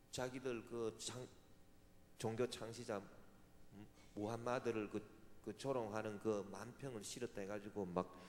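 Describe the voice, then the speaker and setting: A man's voice: mid-range voice, a little hiss or hum. A male senior pastor from Gyeongsang Province with a Gyeongsang accent, preaching a sermon in a church sanctuary. He asks rhetorical questions and mimics other people's voices. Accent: Gyeongsang Korean. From Gyeongsang Province, Korea. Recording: long reverb of a large hall.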